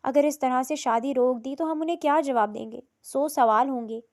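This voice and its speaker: A woman's voice: high voice, natural voice. A woman voicing a worried middle-aged mother who pleads and then scolds sharply. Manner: anxious pleading, sharp scolding when angry.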